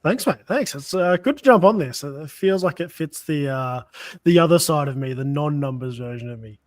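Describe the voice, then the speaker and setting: A man's voice: fairly high pitch, expressive, normal speed, darkish tone, dry recording. A man, a guest numbers analyst, talking in an easygoing, slightly hesitant way. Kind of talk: casual chat.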